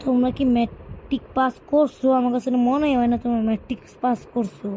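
A woman's voice: fairly high pitch, fairly even intonation, fast, mellow, slight background noise, close to an everyday voice. A woman voicing an exasperated, scolding female interviewer. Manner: scolding, impatient. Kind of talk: comic cartoon dub.

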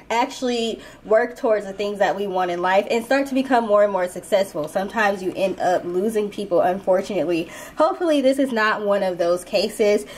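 A woman's voice: mid-range voice, a little mellow. A woman hosting a casual spoken tarot reading as the reader. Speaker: tarot reader and channel host.

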